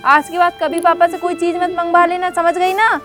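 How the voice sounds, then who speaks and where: A woman's voice: very high-pitched, flat delivery, normal speed. A woman playing a cruel, greedy stepmother who scolds and threatens harshly in a moral-story drama. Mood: scolding. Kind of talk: Hindi moral-story acting. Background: background music.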